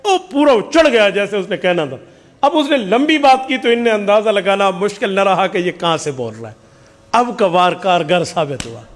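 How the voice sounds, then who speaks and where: A man's voice: high voice, long reverb tail. A man preacher telling a story dramatically in an Islamic sermon.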